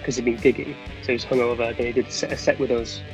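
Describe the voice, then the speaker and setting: A man chats loosely about playing gigs with his band. He rambles, restarts and laughs often. Clear guitar music plays underneath him. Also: medium pitch, level tone, rapid-fire. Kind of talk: casual chat.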